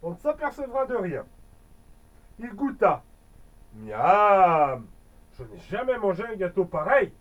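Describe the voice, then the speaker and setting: A man's voice: sits high, big pitch swings, moderate pace, far from the mic, dull audio. A man voicing a greedy, cheerful little male elf in a bedtime storybook, with a sing-song, playful manner. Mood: gleeful. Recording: voice a bit off-mic.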